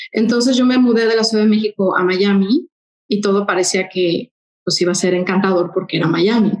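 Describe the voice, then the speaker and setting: A woman from Mexico City, a podcast guest, tells her story conversationally, with hesitant fillers and quick bursts. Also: mid-range voice, echoey room, poor audio. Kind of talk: interview storytelling.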